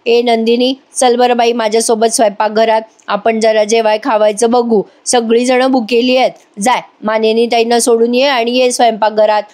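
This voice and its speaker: A woman voicing a bossy, scheming older aunt who talks in a slow, emphatic, gloating way. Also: on the high side, level tone, darkish tone, natural voice.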